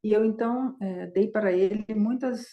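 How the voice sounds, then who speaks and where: A woman voicing a friendly lay benefactor who greets a monk in a warm, chatty way. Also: medium pitch, normal speed, dull audio, close to an everyday voice.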